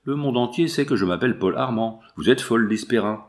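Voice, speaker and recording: A man's voice: mid-range voice, expressive, brisk, close to an everyday voice. A man reading a novel aloud, voicing a guilty millionaire who blusters and panics. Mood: panicked. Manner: blustering, fearful.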